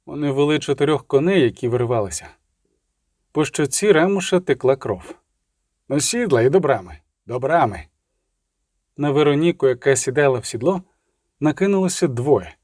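A man reading an audiobook in a steady, measured dramatic manner. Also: on the high side, no room sound, studio quality. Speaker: audiobook narrator. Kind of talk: scripted audiobook narration.

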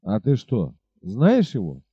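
A man's voice: mid-range voice, sing-song, normal speed, no echo. A man reading aloud, voicing a hot-tempered, arrogant army captain who barks orders. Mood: curt. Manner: blustering, shouting orders. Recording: dull lo-fi recording.

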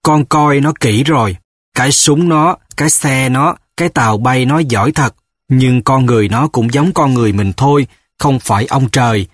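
A man's voice: mid-range voice, moderate pace, no echo, studio quality, lightly acted. A man voicing a young village fighter who is stubborn and resolute, speaking in a firm, earnest way. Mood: determined.

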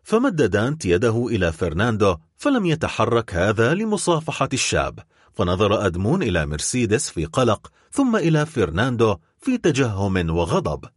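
An expressive, dramatic male narrator reading a classic novel aloud. His pitch swings widely across each line, and his voice has a husky, slightly breathy texture. The recording is dry and close, with no room sound. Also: brisk, dry recording.

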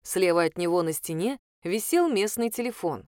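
A woman narrating an audiobook in an expressive storytelling manner. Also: lowish voice, normal speed, dry recording, studio quality. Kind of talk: scripted narration.

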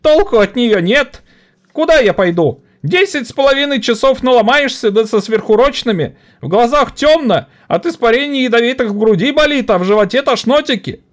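A man's voice: very high-pitched, expressive, a little fast, voice pushed up. A man voicing a scrawny, cocky teenage boy with a treble voice complaining in an audiobook. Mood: cocky complaint. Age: teens.

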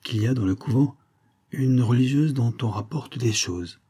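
A man's voice: medium pitch, normal speed, mellow, slightly rough, lightly acted. A man voicing a chatty older village innkeeper who confides local gossip. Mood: gossipy.

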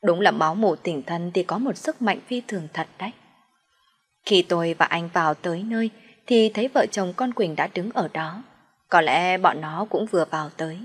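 A woman telling a dramatic story in the first person, with a bitter, indignant edge. Her voice sits low and comes out husky. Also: normal speed.

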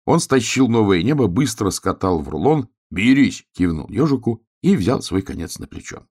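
A man narrating a children's fairy tale in a lively, expressive storybook manner. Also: on the low side, normal speed, husky.

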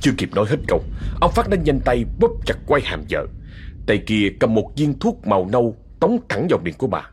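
A man with a Southern Vietnamese accent narrating a horror story in a measured, ominous way. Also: mid-range voice, very animated, a little hiss or hum.

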